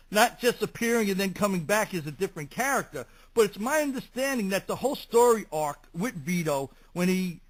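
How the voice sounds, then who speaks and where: A man's voice: sits high, low-quality recording. A man with a Brooklyn New York accent, hosting a chatty talk show interview.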